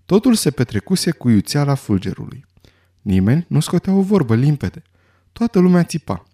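A man narrating a story in a scripted audiobook reading, expressive and dramatic. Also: on the high side, breathy edge.

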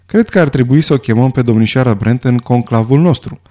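A man voicing a calm, measured old judge who speaks in a level, deliberate way. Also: mid-range voice, close to an everyday voice.

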